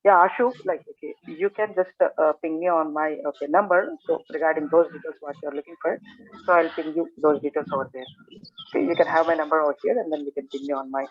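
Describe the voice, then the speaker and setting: This man, a native Telugu speaker from Andhra Pradesh, teaches through a relaxed live Q&A as a software trainer, his Telugu Indian English accent carried over tinny, narrow call-style audio. His voice is on the high side with fairly even intonation, and he talks quickly, leaning on "okay" and "like" as tics.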